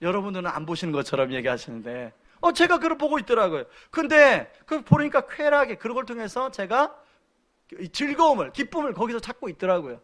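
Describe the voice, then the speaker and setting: A man's voice: sits high, big pitch swings, a little fast, fairly bright tone. A man in his forties, a pastor giving a conversational sermon with personal stories and questions to the congregation.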